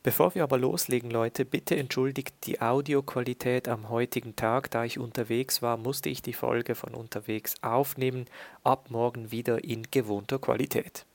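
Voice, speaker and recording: A male podcast host reads a brisk news rundown on a low-quality recording made on the road. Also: fairly even intonation, creaky. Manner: brisk, matter-of-fact, talks straight to listeners. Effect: low-quality audio recorded on the go. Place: on the road, away from his usual setup. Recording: faint noise and low rumble, lo-fi mobile recording.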